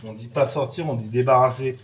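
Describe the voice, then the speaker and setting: A man's voice: medium pitch, steady tone, fairly quick, very noisy. A man from France giving a casual cooking demonstration in a kitchen, chatty and full of little verbal tics and sound effects. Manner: chatty, lots of "hein" and "voilà", sound effects. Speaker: cooking teacher. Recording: echoey kitchen, sizzling pan. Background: frying and sizzling.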